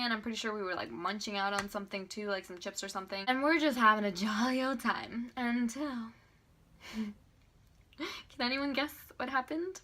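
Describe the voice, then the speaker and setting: Bright, chatty woman telling a story. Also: fairly high pitch. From Venezuela. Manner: chatty, animated, laughs often. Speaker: beauty vlogger. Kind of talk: storytime vlog.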